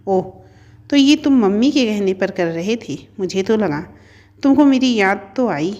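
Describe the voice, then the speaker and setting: A woman's voice: mid-range voice, expressive, measured pace, dull audio, natural voice. A woman voicing a stubborn, furious young wife. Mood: bitter. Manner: sharp, demanding outbursts. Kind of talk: storybook narration.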